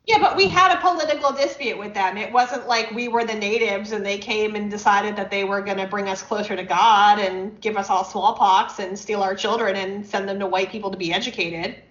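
A woman's voice: medium pitch, fairly quick, few pauses, fairly bright tone. A woman co-hosting a casual chat podcast, explaining at length and reading out history notes with a dry wit. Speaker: podcast co-host. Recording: roomy, dull lo-fi sound.

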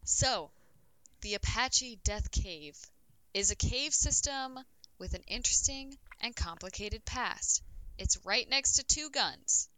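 A woman's voice: fairly high pitch, expressive, slow pace, bright, forceful tone, dry recording, poor audio. A woman co-hosting a casual podcast, telling a history story in a loose, chatty way with plenty of "um"s and the odd swear.

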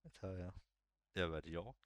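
A young man chatting casually on a podcast, relaxed and hesitant, with lots of fillers and restarts. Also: deep voice, no room sound. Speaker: podcast co-host. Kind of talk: casual chat.

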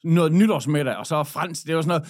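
Animated high-voiced Danish man telling stories. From Jutland, Denmark. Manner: animated storyteller, swears freely. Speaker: podcast guest. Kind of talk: casual podcast chat, storytelling.

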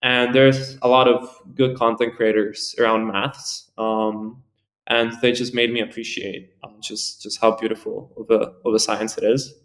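A man's voice: on the low side, level tone, a little slow, fairly bright tone. A young man in his early twenties from Spain, answering interview questions in a rambling, casual way full of "like" and "um". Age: early 20s. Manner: rambling, heavy use of "like" and fillers. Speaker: podcast guest.

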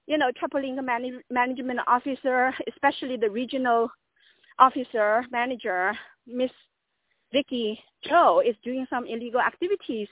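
Female caller, high voice, halting unscripted complaint over thin phone audio. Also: no echo. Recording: tinny dry phone line.

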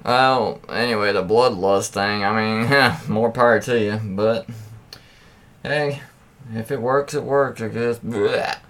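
His voice sits on the low side with a fairly bright tone, and he speaks slowly. The man hosts a podcast, reading anecdotes aloud casually with informal, profane remarks and interjections.

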